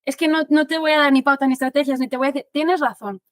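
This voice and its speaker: Spanish woman occupational therapist, high voice, animated explainer. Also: fast, no room sound. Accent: Spanish from Spain. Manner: animated, explanatory, acts out quotes. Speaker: occupational therapist giving a talk. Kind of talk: informal talk to families.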